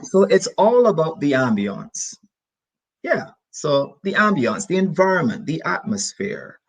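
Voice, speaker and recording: A man leads an online English class over a video call. His pitch rises and falls a lot, and his voice has a slightly husky grain. He explains patiently, repeating each point and circling back with synonyms. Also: sing-song, low-quality recording. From Barbados. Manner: explains slowly with many repetitions and synonyms. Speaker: English teacher.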